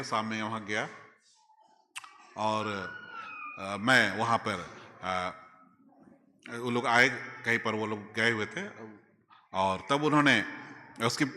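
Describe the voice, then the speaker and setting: A man, a bishop telling a personal story in a sermon, moving between loud exclamations and quiet asides. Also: mid-range voice, in a large hall. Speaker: bishop preaching. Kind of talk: sermon testimony. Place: church hall.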